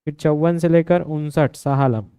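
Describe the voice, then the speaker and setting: A high-pitched man teaches an exam-prep history class. He keeps firing quick questions at his students and drills them on memory tricks, his voice smooth and clear with a dry, close sound. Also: mellow, no echo.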